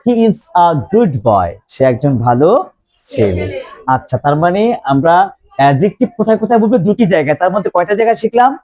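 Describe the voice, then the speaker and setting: A man teaching English grammar to a classroom of students, slowly repeating questions for the class to answer. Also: high voice, very animated, warm tone, dull audio.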